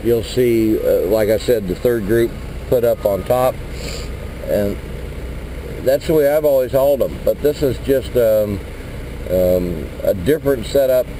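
A truck driver with a medium-pitched voice rambles casually as he walks around his flatbed load at an outdoor truck lot, recorded on a body-worn action camera. His unhurried walkaround vlog is plain-spoken with mild cursing, and background noise can be heard.

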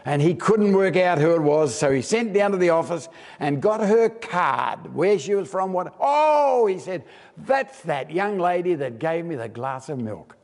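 An Australian man preaching a storytelling sermon, acting out the characters' lines and slowing down for emphasis. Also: a little high, expressive, darkish tone. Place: church hall. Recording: long church hall reverb.

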